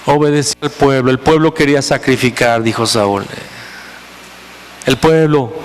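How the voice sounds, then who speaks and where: A man's voice: medium pitch, measured pace, in a large hall, slight background noise. A man preaching a sermon as pastor, building up to emphatic, intense passages. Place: church sanctuary.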